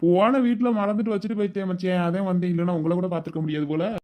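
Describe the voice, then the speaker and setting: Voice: mid-range voice, fairly even intonation, racing, darkish tone, natural voice. Someone voicing a hearty generous cartoon man. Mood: hearty reassuring. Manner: hearty, reassuring, offers help. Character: generous adult man, Mustafa, cartoon relative. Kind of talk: cartoon voice acting.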